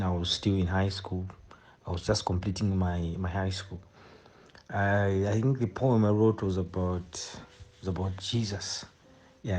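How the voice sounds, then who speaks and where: Answering interview questions as a guest poet, a Zambian-accented man in his twenties sounds hesitant and often repeats phrases while he thinks. His voice sits fairly low, with a darkish tone.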